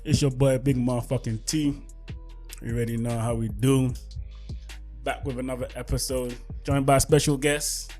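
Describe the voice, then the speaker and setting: A man co-hosts a podcast with a teasing, slangy humor. His voice has a mid pitch, and faint music plays behind him. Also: flat delivery, moderate pace, darkish tone. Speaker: podcast co-host. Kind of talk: casual chat.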